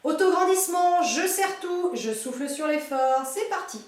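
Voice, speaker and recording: Female fitness coach, high voice, very echoey room, mic set back, counts reps and cues breathing. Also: expressive, normal speed, recorded from a distance, slight background noise. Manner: encouraging, light teasing. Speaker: fitness instructor. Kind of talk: guided chair exercise class.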